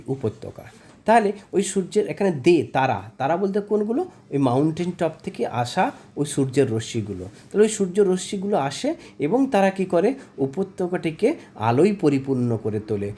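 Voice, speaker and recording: A man's voice: a little high, warm tone, reverberant. A man teaching a poem line by line, reading each phrase and then explaining it with rhetorical questions. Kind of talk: line-by-line poetry lesson.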